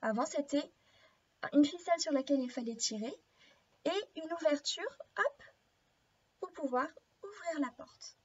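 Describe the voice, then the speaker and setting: A preschool teacher reads a story aloud to young children, going slowly and gently and pausing to explain words and ask questions. Her voice sits high, and the recording is slightly dull and lo-fi.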